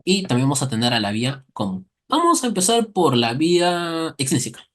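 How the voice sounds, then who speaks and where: A man's voice: on the high side, wildly swooping pitch, a little fast, a bit bright. A man giving a recorded medical class, often asking the students a question and answering it himself, with playful everyday comparisons. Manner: asks and answers his own questions, playful analogies. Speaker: medical lecturer.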